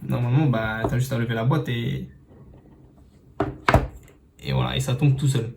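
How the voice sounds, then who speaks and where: A man's voice: medium pitch, fairly even intonation, moderate pace, vocal fry, very noisy. A man casually unboxing and reviewing earbuds, chatty with many fillers and restarts, filmed on a phone indoors. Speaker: tech reviewer. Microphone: phone camera.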